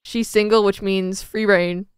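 A young woman streaming a farming game, excitable and gushing, chatting to her viewers. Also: medium pitch, measured pace, clear, resonant tone, no room sound, studio quality. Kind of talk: casual gaming commentary.

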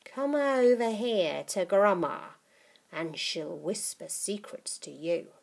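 A woman's voice: medium pitch, animated, vocal fry, heavily acted. A woman putting on a gloating witchlike old granny. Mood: sly, menacing. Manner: relishing, slow and menacing, drawn-out words. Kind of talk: storybook reading.

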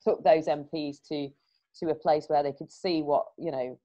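A woman's voice: sits low, steady tone, normal speed, mellow. A woman hosting a podcast interview, chatting casually and telling stories with frequent laughs. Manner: chatty, storytelling, laughs often. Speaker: podcast host. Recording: slightly dull lo-fi sound.

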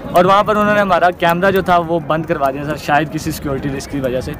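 A young man from Pakistan talks straight to his phone camera outdoors at a busy site, explaining the visit in a relaxed way and leaning on fillers. His voice sits high. Street noise comes through clearly behind him. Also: fast. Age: young adult. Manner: explains to camera, often uses filler "jo hai". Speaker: vlogger host. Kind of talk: casual travel vlog narration.

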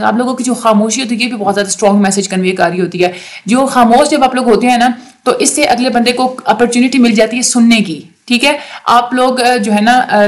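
A woman giving a fast exam-prep lecture, often stopping on fillers and restarting phrases. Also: a little high. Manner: fast talker with many fillers.

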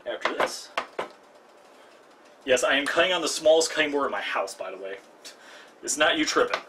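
A man's voice: medium pitch, animated, normal speed. Jokey young man cooking, distant noisy mic. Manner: chatty, self-mocking, jokey asides. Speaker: cooking stream host. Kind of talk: casual live cooking demo. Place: home kitchen, indoors.

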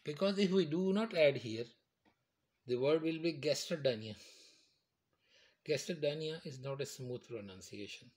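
Man slowly explaining medical terms. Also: fairly high pitch, expressive, a little mellow. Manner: slow, repetitive, explains step by step. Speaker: teacher. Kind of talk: medical terminology lecture.

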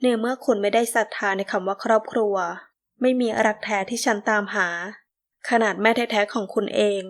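A woman reading the part of a proud, sharp-tongued young woman in an audiobook. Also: medium pitch, fairly even intonation, brisk, close to an everyday voice. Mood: cutting. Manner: sweet on the phone, curt to him. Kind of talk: audiobook dialogue.

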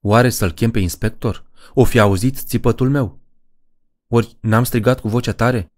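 A man's voice: mid-range voice, darkish tone, lightly acted. A man voicing a frightened young woman talking to herself alone at night, in an audiobook reading. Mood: anxious.

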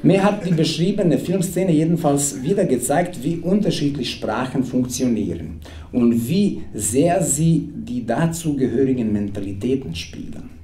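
A Serbian man in his thirties reads his own comic writing to a club audience from a stand mic at a table, wry and playful, his mid-range voice animated and mellow at a measured pace. The room is roomy, with audience noise and laughter.

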